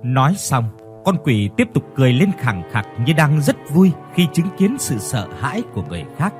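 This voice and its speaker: A man's voice: mid-range voice, big pitch swings, moderate pace, a little mellow, soft background music. A man reading a horror story aloud in a dramatic storytelling manner. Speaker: narrator. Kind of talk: scripted horror narration.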